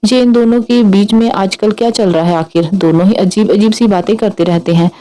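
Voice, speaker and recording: A woman's voice: mid-range voice, fairly quick, warm tone, natural voice, low-quality recording. A woman voicing a feisty, playfully scolding grandmother over sixty in a read-aloud story. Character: feisty grandmother insisting she's young.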